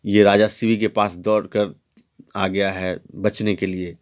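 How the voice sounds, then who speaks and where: Guy teacher explaining a story line by line, really slow, lots of long umms. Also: on the low side, little pitch movement. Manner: slow, deliberate explaining with drawn-out fillers. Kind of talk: story lesson explained in Hindi and English.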